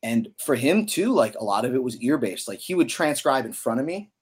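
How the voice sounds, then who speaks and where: A young man, a musician guest on a podcast, telling a story in a casual, animated way with lots of "you know". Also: mid-range voice, a little fast, husky.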